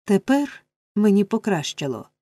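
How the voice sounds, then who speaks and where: A woman's voice: mid-range voice, big pitch swings, moderate pace, mellow, dry recording. A woman reading a storybook, voicing a fussy middle-aged matron who speaks breathlessly and theatrically. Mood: coy.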